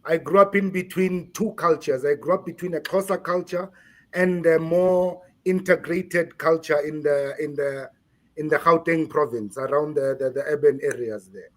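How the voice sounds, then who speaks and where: A man from South Africa being interviewed on a podcast, speaking haltingly and repeating words while he searches for them. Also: on the high side. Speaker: guest.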